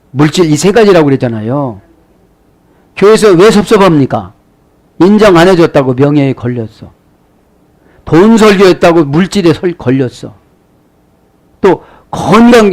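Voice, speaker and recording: A man's voice: on the high side, a little mellow. A male pastor giving an expository sermon, breaking down grammar word by word and prodding the congregation with short questions. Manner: teacherly, parses original-language grammar word by word.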